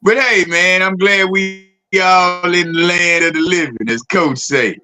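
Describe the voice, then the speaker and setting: A man co-hosts a casual live podcast from a video call. His voice is bright and a bit high, and he talks in a loose, laid-back way, dropping "man" into his sentences. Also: a little slow, slight background noise. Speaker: podcast co-host. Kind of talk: casual live-stream chat.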